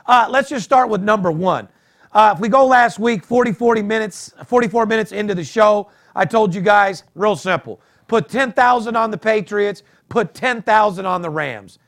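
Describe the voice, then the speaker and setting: A man's voice: high-pitched, moderate pace, fairly bright tone. A man hosting a sports betting podcast, talking in a boastful, profane, hard-selling way. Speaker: podcast host.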